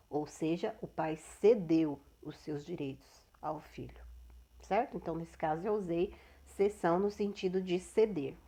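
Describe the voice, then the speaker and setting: A woman with a Brazilian Portuguese accent, teaching a grammar lesson. She explains patiently, keeps checking in with her listeners and slows down on each example word. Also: mid-range voice, a little mellow. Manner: checks in often with "certo?", slows down on example words.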